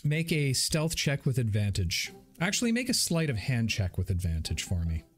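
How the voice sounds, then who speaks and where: A man narrating a tabletop game as its game master, descriptive and measured. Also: mid-range voice, very animated.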